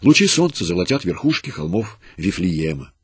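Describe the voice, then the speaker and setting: Male narrator, husky and dry, solemn dramatic reading of a sacred story. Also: sits low, sing-song, normal speed, no echo.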